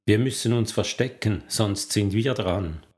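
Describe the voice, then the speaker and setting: A man's voice: lowish voice, measured pace, darkish tone, lightly acted. A man voicing a frightened young girl who speaks urgently and pleadingly.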